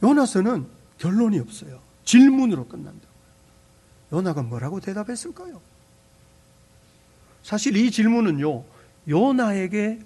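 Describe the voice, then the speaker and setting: A male pastor delivers a sermon in a church sanctuary, his voice gravelly and husky. He keeps putting questions to his listeners and repeats his points with animated emphasis. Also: high-pitched.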